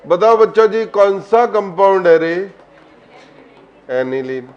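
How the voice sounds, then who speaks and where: A man's voice: high voice, animated, slow, lo-fi sound. A man teaching a live online class, quizzing his students with repeated questions and addressing them fondly. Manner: coaxing, affectionate address to students.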